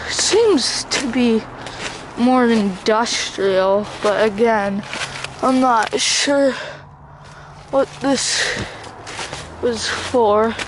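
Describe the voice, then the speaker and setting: Speaking in a highish voice with a very drawn-out, stop-and-start delivery, the vlogger improvises a walk-through of ruins among the trees by a river and bridge. A handheld camera mic, operated from behind, records plenty of background noise, including ambient sounds and passing cars.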